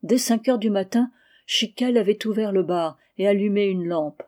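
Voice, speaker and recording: Female audiobook reader, mellow and warm, steady literary narration. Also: moderate pace. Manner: steady reading, louder and higher for quoted cries. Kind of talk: scripted narration of a novel.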